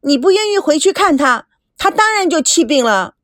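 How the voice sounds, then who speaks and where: Headstrong teen girl, voiced by a woman storyteller, high and bouncy, insistent and pouting. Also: sing-song, normal speed, no room sound, studio quality. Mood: wilful, pleading. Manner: insistent, pouting, sharp outbursts. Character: teenage girl, headstrong, willful, theatrical.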